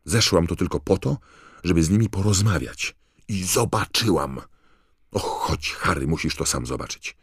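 A man's voice: low-pitched, lively intonation, moderate pace, slightly rough, no room sound, studio quality, voice pushed up. A man voicing a bossy, eager teenage schoolgirl who urges her friends on with breathless insistence. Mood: impatient.

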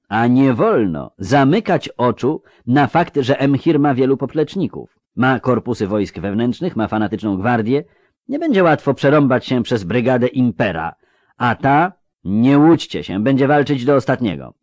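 A man's voice: mid-range voice, very animated, normal speed, darkish tone, no echo, close to an everyday voice. A man reading an audiobook, voicing a noble plotter with a grating voice. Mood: warning.

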